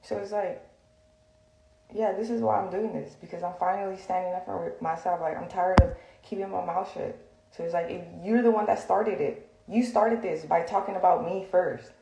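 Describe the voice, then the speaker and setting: A woman's voice: on the low side, fairly even intonation, normal speed, creaky, mellow, slight background noise. A young woman in a heated, blunt rant to the camera, swearing and filling with "like". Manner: heated, blunt, swears often, many fillers. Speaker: social media personality. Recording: echoey room.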